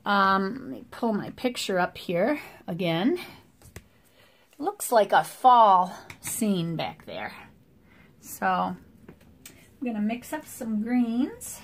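A middle-aged woman at her art table, keeping up an easy, chatty commentary as she paints. Her voice sits at an ordinary middle pitch and is caught by a camera mic above the table. She talks things through as she goes, in plain everyday speech. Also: slow pace, pauses often. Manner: relaxed, chatty running commentary. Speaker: watercolor artist. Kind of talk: thinking aloud while painting.

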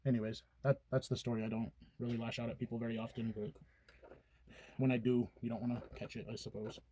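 Mellow-voiced young man, teasing chat. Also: mid-range voice, little pitch movement, quick pace, slight background noise. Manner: playful, teasing, narrating his steps. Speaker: boyfriend doing makeup on camera. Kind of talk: casual chat while doing makeup.

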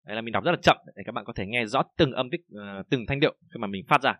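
A man with a Vietnamese accent teaching a language lesson, reading example sentences slowly and then explaining them in a casual, chatty way. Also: medium pitch, bright, forceful tone, no room sound. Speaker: Chinese teacher.

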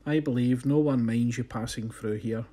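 A man at a medium pitch, talking through his photos in an easygoing voice-over. He sounds friendly and a little hesitant, like a photographer sharing a day trip. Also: moderate pace. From Scotland. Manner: relaxed, friendly, slightly hesitant. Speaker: photographer narrating a slideshow. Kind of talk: casual voice-over narration. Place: voice-over, not recorded on site.

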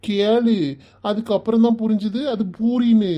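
A woman voicing a caring village father in an animated cartoon, soothing and fatherly. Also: a little high, normal speed, lo-fi sound, lightly acted. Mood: comic. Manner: soothing, fatherly advice and comic storytelling. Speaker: father figure. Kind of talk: Tamil cartoon voice acting.

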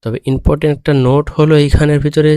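A man with a Bangladeshi Bengali accent teaching a beginner language lesson, explaining slowly and checking in with "okay?" after each point. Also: fairly high pitch, level tone, warm tone, clean tone, no echo. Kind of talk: screen-recorded lesson explanation.

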